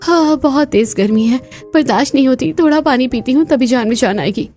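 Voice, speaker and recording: A woman's voice: high voice, brisk, darkish tone, soft background music, pitched above the performer's own voice, natural voice. A woman voicing a hardworking, caring young daughter-in-law in a cartoon story, talking earnestly. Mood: weary. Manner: earnest, scolding, eager.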